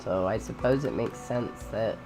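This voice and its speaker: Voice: mid-range voice, moderate pace. Gamer, mid-range voice, casual gameplay commentary, rambling, informal, music playing behind. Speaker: gamer, game streamer. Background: game music.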